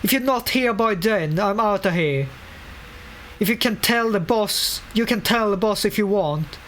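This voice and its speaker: A man's voice: high-pitched, a little slow, fairly bright tone, slight background noise, voice pushed up. A man putting on the voice of a grumpy working-class male painter who complains that his crew has gone missing. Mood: indignant. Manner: indignant read-aloud complaint in a put-on voice.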